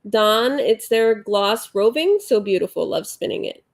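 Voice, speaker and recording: A woman in her forties hosts a casual livestream from home, sounding congested and sniffling as she reads out viewer comments. Her gravelly, mid-range voice has lively intonation and a measured pace. She rambles chattily, dropping in lots of fillers.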